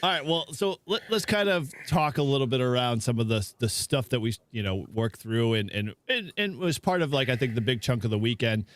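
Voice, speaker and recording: A man hosting a relaxed chat about a radio weekend, rambling with lots of fillers and restarts. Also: mid-range voice, fairly quick, hardly any pauses. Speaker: host. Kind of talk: casual chat.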